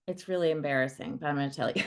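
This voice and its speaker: A middle-aged woman, a coach leading an online workshop, talking in a casual, animated and playful way. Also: low-pitched, rapid-fire. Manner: animated and playful, many fillers like "like".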